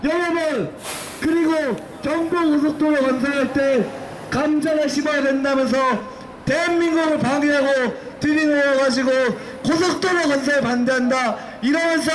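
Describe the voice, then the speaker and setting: A young man delivering a fiery political rally speech, forcefully throwing rhetorical questions at his listeners. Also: extremely high pitch, fairly even intonation, moderate pace. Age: young adult. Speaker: youth group speaker at protest rally. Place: outdoor protest rally. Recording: noisy outdoor rally with crowd.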